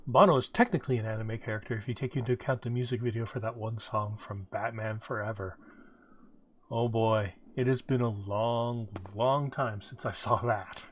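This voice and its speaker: A man's voice: mid-range voice, a little hiss or hum. A man giving casual, rambling game commentary as he thinks aloud while playing. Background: game music behind the voice.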